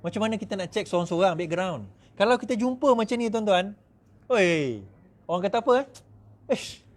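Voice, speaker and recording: A middle-aged man with a Malaysian accent, giving an animated speech to supporters, mimicking others in quick asides and laughing often. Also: high voice. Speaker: politician speaking to supporters.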